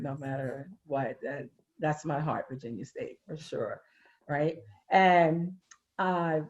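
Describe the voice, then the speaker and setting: A woman, speaking in a lowish voice. She talks in a relaxed, chatty way, laughs easily and slips into casual slang. The audio is muffled and lo-fi, as on a video call. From Brooklyn, New York. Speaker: interview guest, educator. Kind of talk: casual interview chat.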